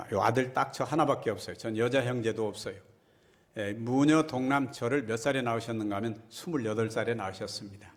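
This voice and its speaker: Folksy Korean pastor. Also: male voice, mid-range voice, a little mellow. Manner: folksy, keeps asking the congregation "right?". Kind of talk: sermon.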